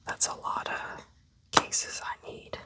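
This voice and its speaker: A woman whispering an ASMR unboxing commentary, hushed and unhurried, as if musing aloud to herself. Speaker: unboxing video host.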